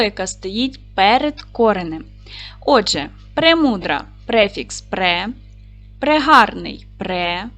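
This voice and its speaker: Lively teacher woman with faint music behind. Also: medium pitch. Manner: lively, clear classroom delivery, stretching out words to spell them. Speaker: primary school teacher. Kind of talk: video lesson for children.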